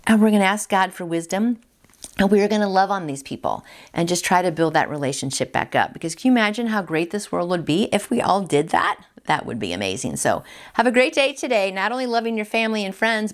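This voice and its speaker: A woman hosts a morning devotional, reading a daily passage and adding warm, chatty asides in her own words, slowing down for the scripture. Her voice is mid-range and animated.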